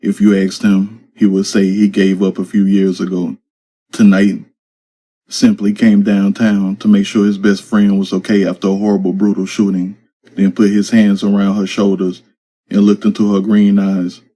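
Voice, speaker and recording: Male narrator, low mellow voice, flat even delivery, casual slangy storytelling. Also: moderate pace. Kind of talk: reading his own urban fantasy story.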